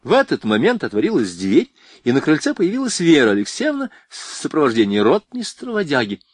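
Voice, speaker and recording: A man's voice: fairly high pitch, fairly quick, no room sound, clean studio sound. A man narrating a novel expressively as an audiobook reader. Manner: expressive, varied voicing. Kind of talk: scripted narration.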